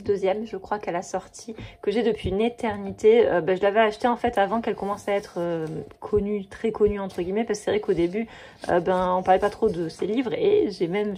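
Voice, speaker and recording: A woman's voice: mid-range voice, mellow. A woman in her thirties chatting casually on her video channel, gushing about favorites with plenty of fillers and restarts. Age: 30s. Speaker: coloring book vlogger. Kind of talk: casual chat.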